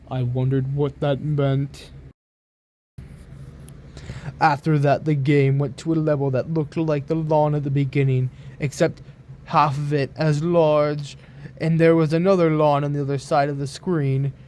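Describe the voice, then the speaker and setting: A man giving a dramatic reading of a horror story, theatrical, with drawn-out emphasis on some phrases. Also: fairly high pitch, mellow, a little hiss or hum. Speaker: narrator reading a creepypasta aloud.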